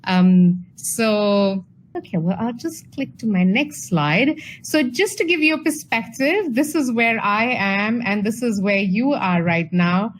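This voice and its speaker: A woman from India presents to an online audience in a chatty, unpolished way, dotting her sentences with fillers and small restarts. Her voice sits at an ordinary pitch for a woman. A faint noise runs under the video-call audio. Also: lively intonation, measured pace, rough recording. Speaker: speaker at an online talk.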